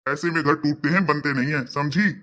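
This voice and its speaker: A woman voicing a calm older father who patiently talks his spoiled daughter down, in a comedy skit. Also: deep voice, a little fast, voice pushed down. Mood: soothing. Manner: patient, placating.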